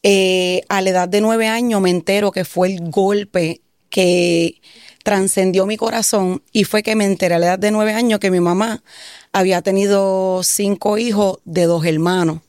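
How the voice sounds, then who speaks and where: A woman from Puerto Rico, with a Puerto Rican Spanish accent, gives her faith testimony as an interview guest, earnestly answering with frequent "amén." Her medium-pitched, darkish voice is steady at normal speed, recorded cleanly in a studio with no room sound.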